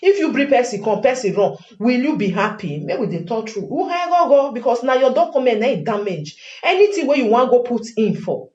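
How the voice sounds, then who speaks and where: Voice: mid-range voice, big pitch swings, brisk, few pauses, darkish tone. An adult with a Nigerian accent speaks Pidgin in an informal, emphatic advice monologue, repeating phrases for stress. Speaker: online commentator addressing fellow Nigerians. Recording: dull lo-fi sound, echoey room.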